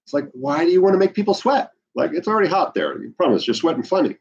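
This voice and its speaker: A middle-aged man from the Bahamas teaching an herbalism class indoors, animated and gesturing a lot while he paces, recorded by a camera at a distance. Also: a little high, quick pace, breathy edge, dull audio. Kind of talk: lecture to a class. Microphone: far camera on the floor.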